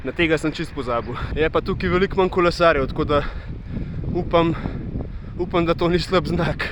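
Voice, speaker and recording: Slovenian cyclist vlogging on mountain passes. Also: male voice, fairly high pitch, fast, background noise. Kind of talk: casual vlog narration while riding.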